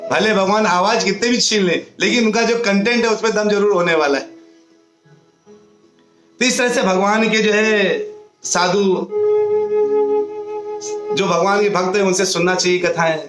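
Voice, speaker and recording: A man with a hoarse voice giving a devotional scripture discourse as a preacher, telling stories with energy and acting out the voices of the people in them. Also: high voice, moderate pace, long pauses, echoey room, music in the background. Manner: animated storytelling, acting out quoted voices.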